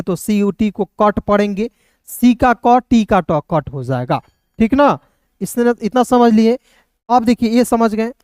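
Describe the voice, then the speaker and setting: High-voiced teacher quizzing viewers. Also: male voice, a little mellow, clear, resonant tone, no room sound, clean studio sound. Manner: repetitive, asks and answers his own questions, addresses viewers as brother and friends. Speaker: English teacher. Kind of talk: online spoken-English lesson.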